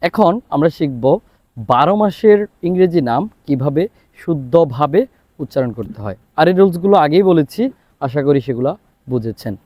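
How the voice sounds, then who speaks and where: A Bangladeshi man teaching a spoken English lesson, repeating each word slowly and clearly so listeners can copy it. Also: fairly high pitch, a little mellow, dry recording. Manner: drills words by repeating them slowly and clearly. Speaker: English teacher, academy founder.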